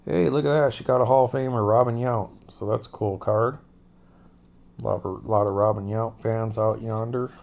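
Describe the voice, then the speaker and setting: Talking through a card-opening vlog at a moderate pace, this host sounds stuffy-nosed, creaky, and fairly low, with fairly even intonation. He's chatty and addresses viewers as folks, and the lo-fi audio sounds dull.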